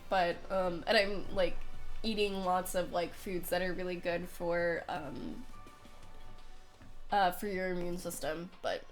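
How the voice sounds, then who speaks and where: A woman's voice: on the low side, fairly even intonation, unhurried, faint music behind. A young woman livestreaming a game, reading it aloud and chatting casually, with a congested, nasal voice as if pinching her nose from a cold. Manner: informal, rambling, self-deprecating.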